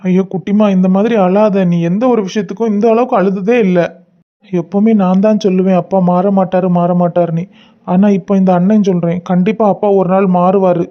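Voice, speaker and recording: A performer voicing a gentle, pleading young man. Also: medium pitch, steady tone, fairly quick, dull audio, lightly acted. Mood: soothing. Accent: Kanyakumari Tamil. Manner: soft, coaxing and pleading. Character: gentle young man, apologetic husband and caring brother. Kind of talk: cartoon voice acting.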